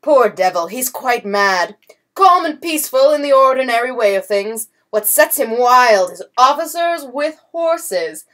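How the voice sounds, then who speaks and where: A woman's voice: sits high, lively intonation, measured pace, fairly bright tone, voice pushed up. Woman doing a blustering pompous count. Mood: commanding. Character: blustering swindler count, grown man, bold. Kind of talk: audiobook character voice.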